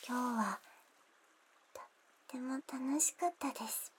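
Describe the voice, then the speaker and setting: Casting: actress as gentle young female attendant, sleepy ASMR role-play, breathy pillow talk, high and slow. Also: slight background noise. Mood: dreamy, drowsy. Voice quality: breathy, soft-spoken. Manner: soft, intimate pillow talk.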